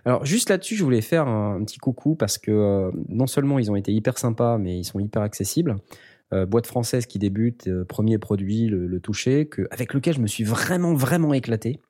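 A man's voice: fairly low pitch, animated, brisk, dark tone. A man hosting a casual podcast chat, joking about himself between frequent hesitations. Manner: jokey, self-mocking, hesitant with many fillers. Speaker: podcast host.

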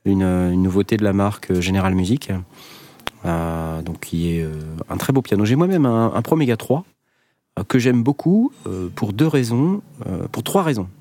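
A man's voice: lowish voice, expressive, moderate pace, mellow. A man hosting a casual chat, talking hesitantly with many filler sounds.

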